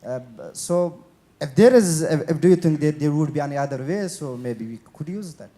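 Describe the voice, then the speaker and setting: Halting man from Afghanistan asking a question. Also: on the high side, expressive, mellow. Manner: halting, many fillers and restarts. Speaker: audience member asking a question. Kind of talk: panel Q&A comment.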